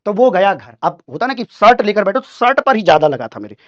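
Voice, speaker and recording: A teacher telling his students a childhood school story, dramatic and animated, putting on voices for the people in it. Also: high-pitched, fairly quick. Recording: dull lo-fi sound.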